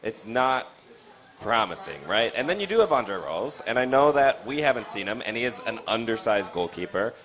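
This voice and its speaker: A young man hosting a casual soccer post-game chat in a bar, talking with lots of restarts and jumps in pitch. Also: big pitch swings, moderate pace, fairly bright tone. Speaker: soccer show host. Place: dim bar. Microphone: studio mic on stand with foam cover, headphones.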